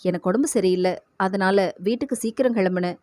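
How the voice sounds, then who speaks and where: Woman voicing a soft-spoken young father. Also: medium pitch, no echo, studio quality, pitched below the performer's own voice, lightly acted. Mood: weary. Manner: quiet, slow and tender.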